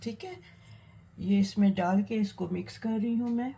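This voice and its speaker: A woman hosting a cooking demonstration, talking unhurriedly while she cooks, with many pauses and fillers. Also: medium pitch, gravelly, heavy background noise. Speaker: cooking channel host.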